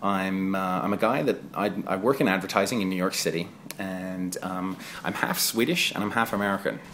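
Deep-voiced man in his thirties, chatty. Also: normal speed, fairly bright tone, slight background noise. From England. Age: 30s. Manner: conversational and digressive, chatty asides. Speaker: gaming video creator. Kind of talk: casual voice-over commentary on gameplay.

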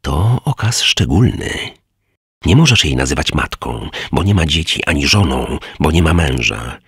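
A man's voice: very deep voice, animated, unhurried, fairly bright tone, slightly rough, no room sound, studio quality, heavily acted. A man voicing a shrewd, sly old beggar who sits on the steps of a church, in a spoken storybook.

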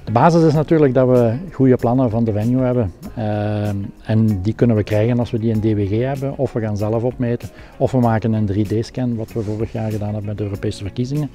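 A middle-aged Flemish man talks through the technical side of his job in a big indoor hall. His voice is low and dark, and he pauses often with fillers as he thinks things through. There is faint music underneath. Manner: practical, hesitant with many fillers. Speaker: technical production director. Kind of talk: explaining his work in an interview.

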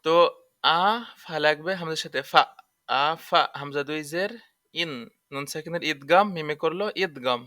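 Bright, crisp-voiced man teaching recitation. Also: fairly high pitch, normal speed, no room sound, studio quality. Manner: spells out letters and vowel marks, repeats rules patiently. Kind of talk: tajweed lesson explaining letter by letter.

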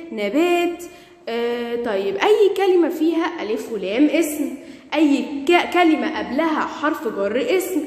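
Lively Egyptian woman teaching grammar. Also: high voice. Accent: Egyptian Arabic. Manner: lively, questioning, praising pupils. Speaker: primary school Arabic teacher. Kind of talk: classroom grammar lesson. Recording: echoey room with long reverb.

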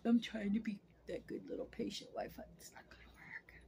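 Her mid-range voice is mellow and whispered, with vocal fry, a level tone and normal speed. She's a woman in her sixties on a couch in a small home room, giving a frank, profane, casual vlog monologue straight to camera.

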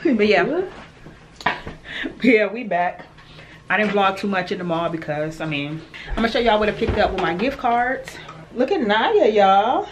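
A woman's voice: medium pitch, animated, a little slow, pauses often, a little hiss or hum. A woman chatting casually to her handheld camera as a family vlogger and mother, laid-back and slangy, laughing often. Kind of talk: casual vlog chat to camera. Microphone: handheld compact camera.

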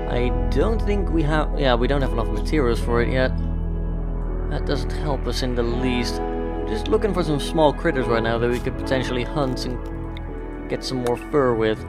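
A young man casually commentating his gameplay in a chatty, upbeat way, thinking aloud as he plays. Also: mid-range voice. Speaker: let's play host. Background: background game music.

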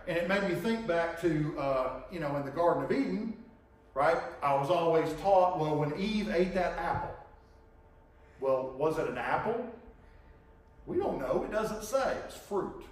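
A man's voice: fairly high pitch, far from the mic. Preacher man in a very echoey church. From Tennessee, US. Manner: conversational teaching, frequent "okay?" and "right?" checks. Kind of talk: sermon. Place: church sanctuary with projector screen. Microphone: room mic from far camera.

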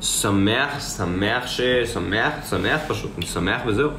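A young man hosts a relaxed live-stream chat, reading out comments, replying to viewers, and often circling back to repeat himself. He has a lowish, sharp voice with lively intonation, heard in a reverberant room with slight background noise.

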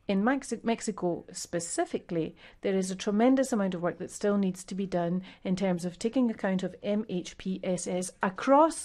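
A woman speaking as a webinar panelist, giving measured, structured remarks over a video call. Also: medium pitch, a little mellow.

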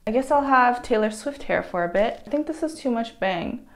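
A young woman chats to the camera in a casual vlog while she trims her own hair. Her voice sits a little high and has a gravelly edge. She talks to herself as she works and breaks into gasps and squeals of dismay. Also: lively intonation, moderate pace. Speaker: vlogger.

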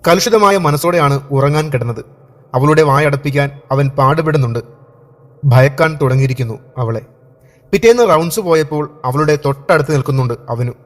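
A man reading a first-person story aloud in a steady, earnest way. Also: a little high, fairly quick. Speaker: story narrator.

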